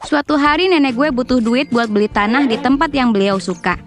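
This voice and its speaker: A woman's voice: high voice, fairly quick, over music. Chatty young-sounding woman telling a story. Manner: chatty, slangy, addresses viewers directly. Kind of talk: casual storytime narration over mukbang video. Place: voice-over.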